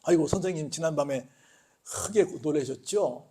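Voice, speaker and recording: A preacher playing a polite police officer. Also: male voice, fairly high pitch, moderate pace, mellow, breathy edge. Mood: deferential.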